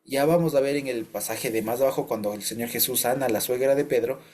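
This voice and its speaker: A man with an Ecuadorian Spanish accent leads an informal Bible study in a mid-range voice. He talks conversationally, tosses in quick tag questions to check understanding, and chuckles now and then as he explains. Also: medium pitch, darkish tone. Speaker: Bible teacher.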